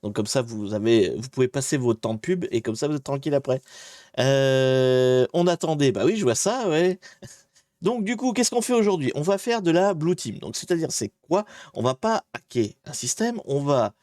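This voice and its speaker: A man's voice: mid-range voice, expressive, moderate pace, darkish tone, no room sound, studio quality. A man hosting a live stream, explaining a security exercise in a jokey, chatty way and greeting his viewers. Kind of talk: casual live-stream tutorial.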